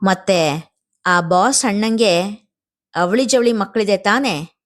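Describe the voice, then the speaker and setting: A woman's voice: medium pitch, slow, lightly acted. A woman reading a family storybook, voicing a suspicious woman relative who speaks in a pointed, insinuating way.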